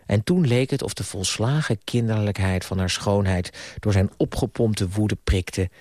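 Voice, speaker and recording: A man narrating a radio story with expressive storytelling. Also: fairly low pitch, normal speed, dry recording, clean studio sound.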